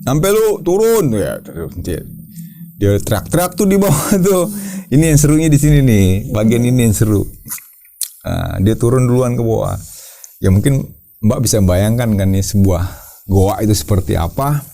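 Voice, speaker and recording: A man who leads a caving team, telling his story to an interviewer in a casual, lively way, repeating his words and acting out shouts. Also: lowish voice, moderate pace, creaky.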